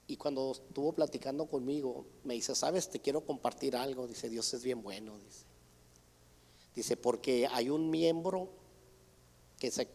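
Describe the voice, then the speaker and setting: A man's voice: mid-range voice, a little mellow. A man giving an earnest church testimony, retelling conversations with his mother and others. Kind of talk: sermon testimony. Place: church hall. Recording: church hall reverb.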